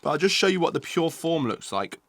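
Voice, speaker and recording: A man's voice: on the high side, sing-song, brisk, a bit bright, slight background noise. A British man talking casually to viewers as he eats sour candy in a taste-test vlog. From United Kingdom. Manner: eating sour candy while talking, reacting to the sourness. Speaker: host of a taste-test video.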